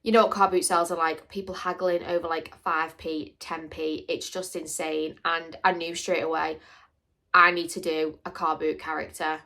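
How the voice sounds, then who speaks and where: A woman's voice: low voice, little pitch movement, moderate pace, bright, forceful tone. A young woman talks straight to camera in a loose, chatty Q&A. She rambles, loses her thread and throws in dry little jokes as she goes. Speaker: vlogger. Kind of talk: casual Q&A chat to camera.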